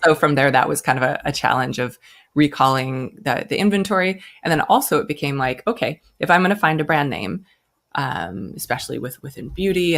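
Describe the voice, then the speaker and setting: A very deep, creaky voice with a bit of brightness belongs to this American woman, a brand founder. Telling her story in an informal interview, she keeps things chatty and imitates the people she quotes.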